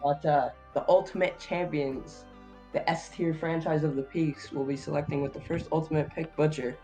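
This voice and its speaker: A guest on a game draft stream who announces a pick in a relaxed, self-deprecating way. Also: medium pitch, normal speed, soft background music. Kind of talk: casual stream chat.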